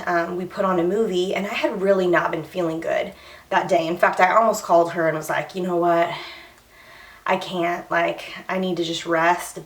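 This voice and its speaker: A young woman, chatting candidly in a personal vlog and a little short of breath. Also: fairly low pitch. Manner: candid and chatty, with many fillers and restarts. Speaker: vlogger. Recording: echoey room, voice a bit far from the mic.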